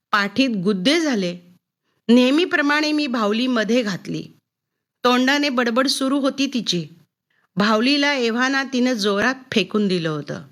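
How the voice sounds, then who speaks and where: High-voiced woman storyteller; expressive first-person narration. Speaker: storyteller reading her own story. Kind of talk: storybook reading.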